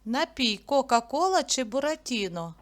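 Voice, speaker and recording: A woman teaching a literacy lesson who asks simple questions and answers them herself, stretching words slowly and clearly. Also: sits high, big pitch swings. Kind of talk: slow, clear classroom lesson narration.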